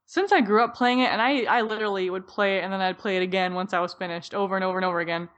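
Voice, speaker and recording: A young woman co-hosting a podcast in casual chat, giggly and excitable, with quick bursts of delight. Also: medium pitch, highs cut off. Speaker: podcast co-host.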